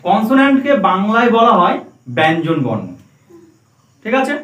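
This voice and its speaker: A man's voice: high voice, big pitch swings, moderate pace, a bit bright, distant mic. A man teaching a class, quizzing pupils one by one and spelling out letters for them. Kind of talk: classroom lesson. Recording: roomy classroom, voice from afar.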